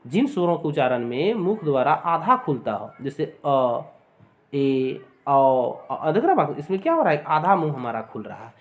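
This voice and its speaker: Brisk and barely pausing, a slightly high male voice swoops wildly in pitch. He runs an exam-prep lesson where he goes over points repeatedly, addresses the audience as friends, and demonstrates vowel sounds for imitation.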